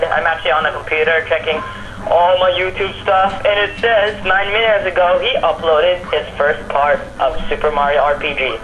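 A man's voice: on the high side, a bit bright, a little hiss or hum. A male gamer chatting casually and rambling, often repeating his words and phrases. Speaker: gamer friend watching along. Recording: roomy echo. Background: video game music.

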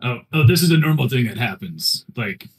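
Male player, husky tone, calm amused delivery. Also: medium pitch, fairly quick. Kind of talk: tabletop role-play.

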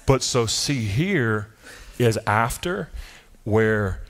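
In a church sanctuary, a male pastor whose voice sits slightly low delivers his sermon in a lively, conversational manner. Frequent asides and rapid restarts mark his speech.

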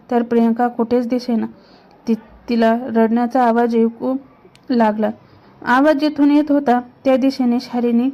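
A woman storyteller narrating a ghost story in a steady, suspenseful way. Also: a little high. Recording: dull lo-fi recording.

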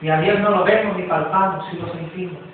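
A man from preaches in a church, repeating himself emphatically and leaping up in pitch. His voice sits high for a man. The recording is tinny and noisy and comes from far off in a very echoey hall. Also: steady tone, a little fast. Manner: emphatic, repetitive, sudden jumps in pitch. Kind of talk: sermon.

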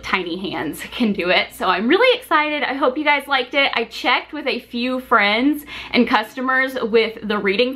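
Indoors in a small furnished home room, a woman in her twenties presents a reading challenge to camera. Her fairly high voice sounds pushed and bright, and her chatty, informal explanation is packed with fillers, especially "like".

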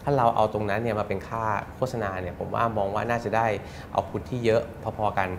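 A man's voice: fairly low pitch, steady tone, noisy background. A man in his thirties, a business guest in a studio interview, explaining at length and acting out what customers say, on a lapel mic. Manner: fast, explanatory, acts out customer quotes. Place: bright TV studio set.

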